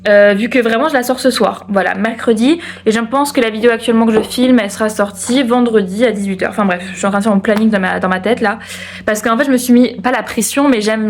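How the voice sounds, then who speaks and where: A young woman from France chatting in a casual home vlog, bubbly and gushing, repeating herself with excitement. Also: medium pitch. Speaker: vlogger. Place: room at home. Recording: echoey room, faint background hiss.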